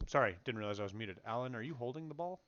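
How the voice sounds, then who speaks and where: A man playing a tabletop game over a voice call, animated and quick to laugh. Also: mid-range voice, highs cut off. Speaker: player. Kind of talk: casual game chat.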